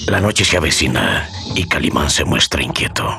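An actor as the narrator of an old radio serial, reading the script in a solemn, dramatic way. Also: male voice, rumbling low, big pitch swings, normal speed, gravelly, noisy background, full character voice. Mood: solemn, suspenseful.

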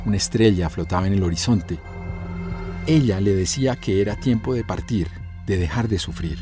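A man narrating a documentary in a measured, scripted way and asking the guest questions. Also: low voice, over music. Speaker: narrator and interviewer.

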